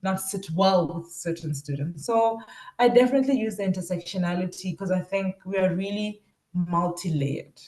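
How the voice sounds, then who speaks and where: Dark in tone and medium in pitch, this South African lecturer's voice moves at a moderate pace as she reflects on her research, weaving in personal stories and performing quoted remarks. The room sounds spacious and echoey.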